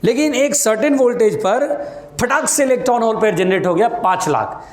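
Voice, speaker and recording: Indian guy teaching physics, high voice all over the place, calls kids beta. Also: animated, brisk, reverberant. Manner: addresses students as beta, repeats points, scolds chatterers. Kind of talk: classroom lecture. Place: classroom.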